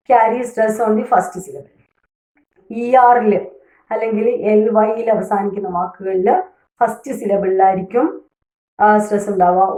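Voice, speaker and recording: Mellow-voiced woman teaching in an echoey room. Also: on the high side. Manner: reads rules slowly then explains, with fillers. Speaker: English teacher. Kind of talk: explanatory lesson, mixing two languages.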